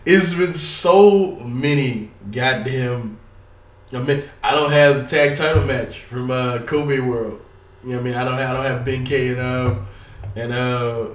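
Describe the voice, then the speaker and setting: A man's voice: medium pitch, distant mic. Rambling, profane man in an echoey room. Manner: profane, rambling, stuttering, filler-heavy. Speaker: wrestling commentator. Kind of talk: casual solo talk.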